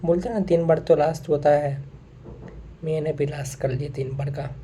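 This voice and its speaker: A man's voice: on the high side, fairly even intonation, moderate pace, mellow, slight background noise. A young man talking straight to his viewers in a casual monologue, earnest and repeating his points, with English phrases mixed in. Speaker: vlogger.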